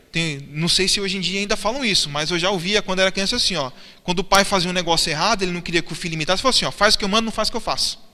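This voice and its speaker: A man's voice: high voice, pushed and bright. A man preaching a sermon in church, asking the congregation questions and answering them himself. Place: church hall. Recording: church sermon with long reverb and faint music.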